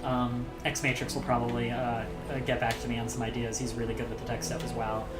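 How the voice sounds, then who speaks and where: An upbeat male streamer hosts a live game stream, talking casually and stumbling over frequent fillers. The room sounds echoey, and game music plays clearly behind him. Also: mid-range voice, completely flat delivery, quick pace. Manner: upbeat, lots of hesitant fillers. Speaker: streamer and host.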